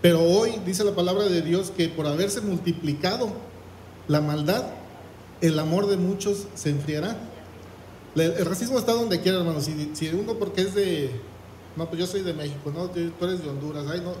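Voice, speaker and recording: A man's voice: sits high, normal speed, a little mellow, roomy sound, a little hiss or hum, low-quality recording. A man preaching a sermon, reading scripture aloud and asking the congregation questions. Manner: reads scripture aloud, asks the congregation "¿qué?".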